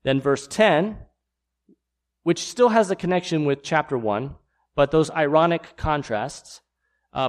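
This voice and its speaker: A man teaching a Bible passage in a sermon, explaining verses and reading them aloud with fillers between thoughts. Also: medium pitch.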